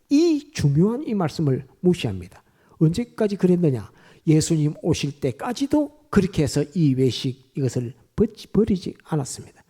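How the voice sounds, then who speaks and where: A male pastor giving a Sunday morning sermon, halting with frequent "uh" fillers and having the congregation repeat phrases after him. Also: a little high, dark tone, slightly rough.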